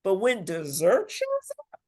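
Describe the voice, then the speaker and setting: With huge swings in pitch, a medium-pitched, mellow voice and a slow pace, a woman author talks as an interview guest. Her storytelling is animated and expressive, and she acts out imagined exchanges along the way.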